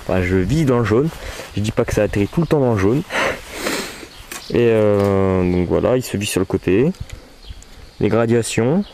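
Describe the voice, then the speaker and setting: Low-voiced man, hesitant casual demo. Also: lively intonation, moderate pace, pauses often, mellow. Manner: hesitant, many fillers, talks to camera. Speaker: archery vlogger. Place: outdoors at home. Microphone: camcorder mic. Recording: camcorder recording with background noise.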